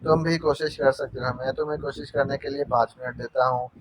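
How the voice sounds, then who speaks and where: A man's voice: mid-range voice, fairly even intonation, a little fast, close to an everyday voice. A man voicing a male spy who mocks his captive with silly, teasing wordplay, in an audio novel. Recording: dull dry narration recording.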